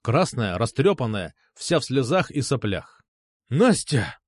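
A man narrating an audiobook in an expressive, dramatic reading style. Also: mid-range voice, moderate pace, no echo, clean studio sound.

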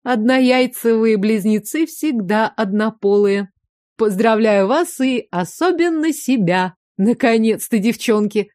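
A woman voicing a brisk, teasing middle-aged woman doctor who grumbles and jokes as she works. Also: a little high, a little mellow, no echo, studio quality.

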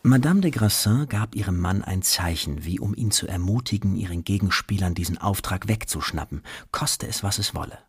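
A man narrating a radio play in a measured way. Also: low voice, husky. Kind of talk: scripted narration.

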